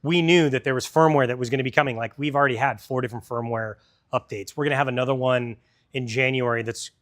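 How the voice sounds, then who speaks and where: A man's voice: mid-range voice, steady tone, fast talker, fairly bright tone. A man presenting a product in a store demo, talking casually and explaining technical details to a crowd.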